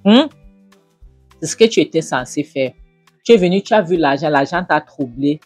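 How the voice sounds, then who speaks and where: A woman's voice: low voice, lively intonation, moderate pace, breathy edge, no echo, faint music behind. A woman voicing a scornful scolding mother. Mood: mocking. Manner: taunting, hectoring, rising to loud jabs.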